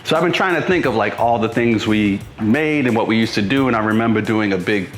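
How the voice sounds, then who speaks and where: A middle-aged man from Boston, USA, hosts a home cooking show in his kitchen, speaking briskly in a lowish voice. He talks informally and thinks out loud during the casual demonstration, and the roomy echo carries music in the background.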